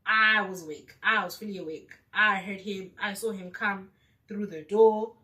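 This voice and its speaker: A woman's voice: mid-range voice, fairly even intonation, moderate pace, bright, forceful tone, recorded from a distance. A woman with a South African accent telling a casual storytime vlog, chatty and mixing in local slang. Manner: chatty, mixes local slang into her speech. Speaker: vlogger.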